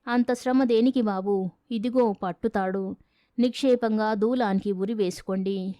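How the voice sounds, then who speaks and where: A woman's voice: medium pitch, fairly even intonation, unhurried, warm tone, no echo, natural voice. A woman voicing a crafty male household cook who talks in a deferential, polite way in a storybook reading.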